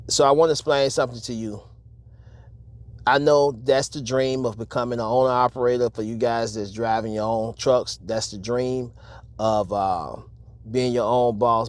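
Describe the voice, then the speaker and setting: A man in his fifties, a truck driver and channel host, talking candidly to viewers in a casual advice vlog, repeating himself for emphasis with many pauses and fillers. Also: mid-range voice, dry recording. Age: 50s.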